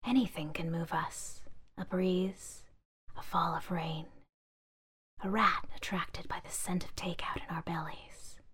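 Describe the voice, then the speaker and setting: A woman voicing a crowd of discarded plastic bags in a breathy, eerie whisper. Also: lowish voice, fairly even intonation, measured pace, a bit bright. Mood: eerie hushed.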